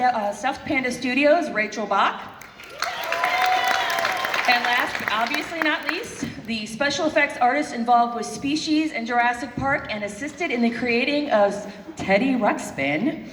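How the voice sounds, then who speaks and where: A woman with a slightly high voice gives an earnest, thankful closing speech. She sounds a bit nervous and leans on fillers. Her voice rings through an echoey hall, caught from far off over a loud crowd. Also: background noise. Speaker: convention chair giving closing speech. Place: hotel event hall stage.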